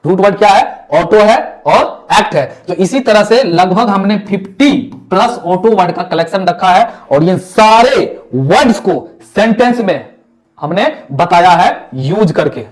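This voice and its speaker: A man's voice: sits high, animated, a little slow. A young man with a Bihari Hindi accent teaching English vocabulary as a lecture, asking questions and answering them himself, repeating words. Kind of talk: classroom lecture.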